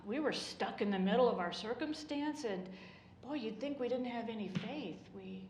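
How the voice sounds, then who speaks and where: A woman's voice: a little high, moderate pace, a little mellow, slight background noise, lightly acted. A woman playing a weary old fisherman remembering. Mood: weary, wistful. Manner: rambling, wistful storytelling with sighs of exhaustion. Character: old male fisherman disciple, weary and reminiscing. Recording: echoey church room.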